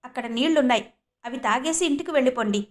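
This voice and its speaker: A woman's voice: high-pitched, fast, lightly acted. A woman voicing a rude, irritable male salesman with a sneering manner.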